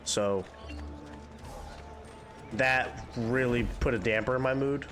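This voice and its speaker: A young gaming channel host with a congested voice chats casually during a game playthrough, rambling and candid. His mid-range voice is a bit bright, with fairly even intonation and a slow pace, and soft music plays in the background.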